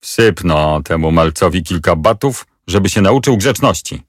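A man's voice: sits low, animated, normal speed, husky, no room sound. A man doing a scornful, stern guard. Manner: dismissive, curt.

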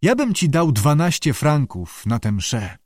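A man's voice: on the high side, very animated, measured pace, a little mellow, no room sound, studio quality. A man voicing a big, gloomy, stubborn male Swedish sailor in an audiobook, speaking in a blunt, growling way. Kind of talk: audiobook character voice.

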